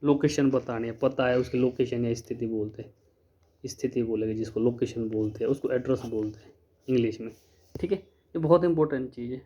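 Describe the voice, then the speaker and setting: A man giving a casual vlog lesson, explaining slowly, repeating himself and spelling words out letter by letter. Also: mid-range voice, warm tone. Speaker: teacher.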